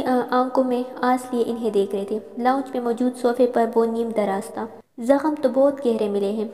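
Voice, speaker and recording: Woman narrating a romance novel, higher voice, mellow tone, long reverb, reads all characters herself. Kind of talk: novel read aloud.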